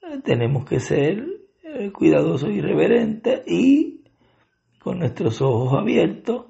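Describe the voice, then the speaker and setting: A man with a Puerto Rican accent delivers a Bible-study sermon in a heavily gravelly, mellow voice, pitched a little high. He reads passages aloud and explains them with searching pauses. The recording is dull and lo-fi. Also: sing-song. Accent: Puerto Rican Spanish. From Puerto Rico. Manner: reads scripture aloud, then explains it with many filler pauses. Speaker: preacher.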